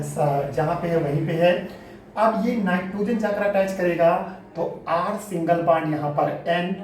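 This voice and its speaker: A man teaching chemistry to students, explaining each step patiently and checking understanding with quick questions. His voice sits a little high and sounds very echoey, picked up from a distance with a faint hum of ambience behind it. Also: a little mellow. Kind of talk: classroom lecture. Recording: echoey room, mic set back, faint ambience.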